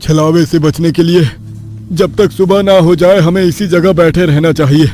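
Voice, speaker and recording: A man voicing a frightened older villager in an animated horror story, giving an urgent warning. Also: a little high, moderate pace, soft background music, voice pushed up, close to an everyday voice.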